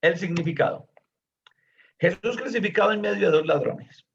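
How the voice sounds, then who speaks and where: A man's voice: sits high, normal speed, gravelly, slight background noise. A man teaching a Bible study, explaining earnestly and stepping in to correct a student, on a dull lo-fi recording.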